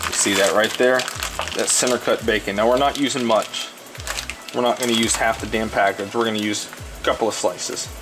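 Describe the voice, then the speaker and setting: A man's voice: fairly low pitch, steady tone, a little fast, over music. A man hosting a casual cooking video, talking in a blunt, crude, rambling way and repeating himself. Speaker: host of a cooking show. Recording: clearly noisy, frying and stirring sounds. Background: sizzling pan, stirring, clicks.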